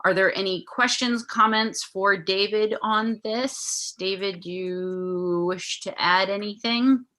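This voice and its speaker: A woman's voice: medium pitch, fairly even intonation, slow, sharp tone. A woman chairs a board meeting, moving formally through questions, motions and votes.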